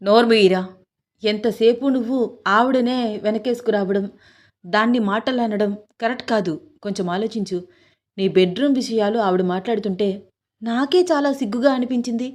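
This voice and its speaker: A woman's voice: a little high, normal speed, darkish tone, close to an everyday voice. A woman storyteller voicing a protective middle-aged mother who scolds her son indignantly. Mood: scolding.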